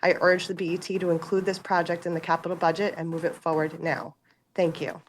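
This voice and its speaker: A woman calling in over a video call with a sick, rough voice, reading a steady, formal, persuasive prepared statement. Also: lowish voice, a little fast, a little hiss or hum, poor audio. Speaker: parent, public commenter on Zoom.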